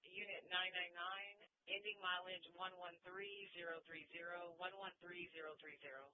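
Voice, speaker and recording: Man on police radio, flat clipped call-in, thin narrow-band sound, faint hiss. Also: high-pitched, moderate pace. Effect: police scanner radio. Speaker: radio unit. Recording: thin hissy radio from far off.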